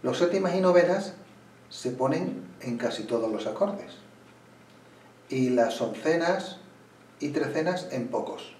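A man teaching flamenco guitar, explaining slowly and pausing as he plays, sometimes restarting a phrase. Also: fairly high pitch, lively intonation, darkish tone, slight background noise. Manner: unhurried, pauses while playing, restarts phrases. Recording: roomy room, mic at a distance. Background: guitar playing.

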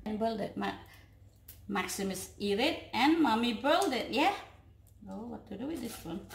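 Eine junge Frau aus Indonesien mit indonesischem Akzent, die als Familien-Vloggerin fröhlich und singend mit ihrem Kleinkind in die Handykamera plaudert. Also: female voice, fairly high pitch, animated, moderate pace, vocal fry, slight background noise. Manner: cheerful sing-song baby talk with her toddler. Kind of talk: casual chat to camera. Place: living room, on a sofa. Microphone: phone camera at arm's length. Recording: echoey living room.

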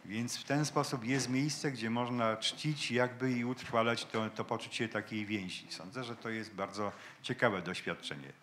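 A man's voice: mid-range voice, normal speed, few pauses, a bit bright, slight background noise. A man speaking as a linguist on a panel debate, explaining points to an audience in a lecturing way. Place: event hall with an audience.

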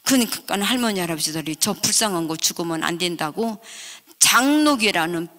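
A woman's voice: lowish voice, animated, normal speed, fairly bright tone. Older woman, Chungcheong accent, church reverb. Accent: Chungcheong Korean. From Chungcheong region, South Korea. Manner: vivid storytelling, acting out family voices. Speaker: guest revival speaker. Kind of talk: emotional testimony at a revival meeting. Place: church sanctuary. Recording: long church-hall reverb.

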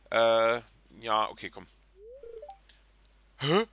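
A chatty, excitable man hosting a video game let's play and talking casually to his viewers. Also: medium pitch, normal speed, vocal fry, a little hiss or hum. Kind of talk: casual gameplay commentary. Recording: game music in background.

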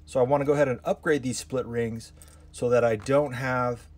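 A man's voice: mid-range voice, fairly even intonation, moderate pace, darkish tone, slight background noise. Man explaining fishing tackle. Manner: explanatory, hands-on, addresses viewers as guys. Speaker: fishing channel host. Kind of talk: casual tackle-prep vlog narration.

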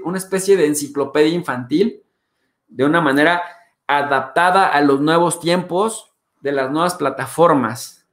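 A Mexican man with a Mexican accent hosting his show, talking in a chatty, animated way with playful swearing. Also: fairly high pitch, reverberant. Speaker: host. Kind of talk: animated casual monologue.

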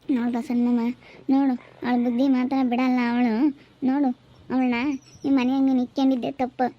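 A woman acts out a quarrelsome middle-aged village aunt in a home-made drama. She scolds and accuses in a high, flat voice. The recording is slightly dull and lo-fi. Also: a little fast, close to an everyday voice. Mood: scolding.

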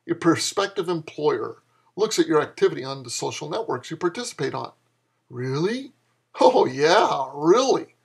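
Reading aloud from fiction he wrote, built largely on dialogue, a fifties-aged man gives an older mentor's lines a dry, exasperated edge. He speaks at an ordinary pace in a highish, expressive voice with vocal fry and a little roughness.

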